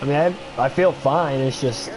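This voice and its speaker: With background noise behind him, a young man with a stuffy nose casually chats with his livestream viewers and talks about the racing game he's playing. His voice is medium-pitched at a moderate pace, and he rambles with plenty of fillers.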